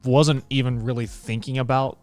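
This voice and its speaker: A man's voice: mid-range voice, steady tone, moderate pace, darkish tone, no room sound, faint music behind. Casual male podcaster from Australia, dry close sound. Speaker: podcast host.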